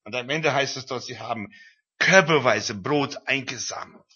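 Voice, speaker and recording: A man's voice: medium pitch, moderate pace, bright, forceful tone, husky. A man preaching a sermon, retelling a scripture passage in a conversational way with frequent fillers. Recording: dull, lo-fi recording.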